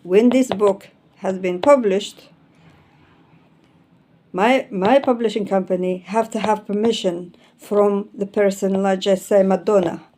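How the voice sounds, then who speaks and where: In this relaxed explanatory talk, a woman in her fifties, a native Arabic speaker from an Arabic-speaking country, shows off the books she self-published and discusses publishing and copyright. Her mid-pitched voice sounds creaky and mellow. She wanders loosely, repeating "so therefore" and stopping to fix words partway through.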